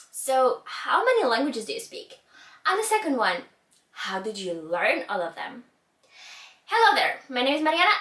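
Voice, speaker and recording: A Ukrainian-accented woman in her twenties gives a scripted talk to camera about learning languages, gesturing expressively with her hands in an indoor room with a rug backdrop. Her high-pitched, fairly bright voice is a little off-mic, distant, and carries a roomy echo.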